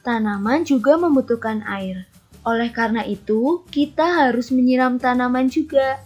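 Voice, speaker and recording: A woman's voice: on the high side, moderate pace, darkish tone, lightly acted. A woman teacher reading a patient father's lines in her own everyday voice. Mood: explaining. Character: patient father explaining plant care. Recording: lo-fi recording with faint music.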